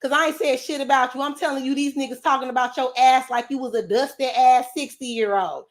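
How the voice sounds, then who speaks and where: A woman's voice: high voice, fairly even intonation, fairly quick. A woman hosting a livestream, talking casually and confrontationally, brash and profane as she answers comments from her chat. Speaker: livestream host.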